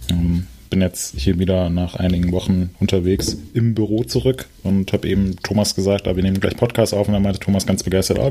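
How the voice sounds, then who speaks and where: Male co-host with a very low voice, relaxed and unhurried, office setting. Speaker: podcast co-host. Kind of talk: casual podcast chat.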